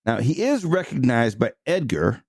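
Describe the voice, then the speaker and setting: Podcast host, man, animated storyteller, close dry mic. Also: medium pitch, normal speed, slightly rough, no echo. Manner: chatty, retelling plot with filler words. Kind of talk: casual movie recap chat.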